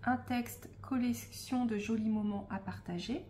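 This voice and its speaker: Woman showing off craft goodies, slow easygoing talk, lots of little ums, warm low tone. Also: a little hiss or hum. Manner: relaxed, hesitant with frequent fillers, soft asides. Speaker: scrapbooking shop host. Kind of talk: casual product unboxing.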